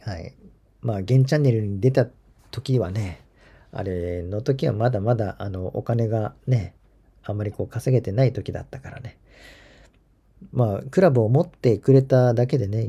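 Gravelly, dark-voiced man chatting casually. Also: lowish voice, moderate pace, highs cut off. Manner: chatty, rambling, chuckles at his own asides. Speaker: golf channel host reading viewer comments. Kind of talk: casual spoken commentary.

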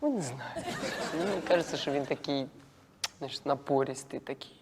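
A man playing a chatty, giggly middle-aged cleaning woman in a comedy sketch, in a shrill put-on female voice with mixed Ukrainian-Russian speech. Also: expressive, moderate pace, close to an everyday voice. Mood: gossipy. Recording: echoey room with faint noise.

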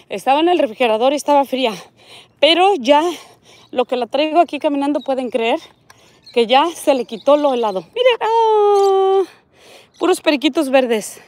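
A middle-aged woman with a Mexican accent, chatting casually on a walking vlog, reading viewer comments and pointing things out, recorded on a phone outdoors on a street. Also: high voice. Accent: Mexican Spanish. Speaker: vlogger. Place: outdoors on a residential desert street.

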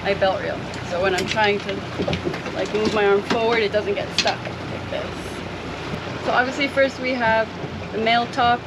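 Here a woman in her thirties, a spearfishing vlogger, calmly explains a task one step at a time from an open boat on the sea, leaning on "so" and "like" as fillers. She speaks at a normal speed with a medium pitch. Loud wind and sea noise fill the action-camera audio.

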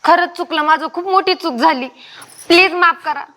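An actress playing a remorseful young village wife with a rural Maharashtra accent, pleading and tearful. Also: female voice, very high-pitched, normal speed, bright, forceful tone. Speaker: actor. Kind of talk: rural Marathi short-film acting.

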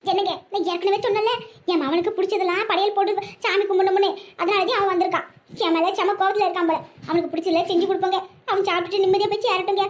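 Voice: very high-pitched, fairly even intonation, rapid-fire. A performer voicing a panicky village mother in a cartoon comedy, speaking with a Kanyakumari Tamil accent in a piercing, frantic voice. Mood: insistent.

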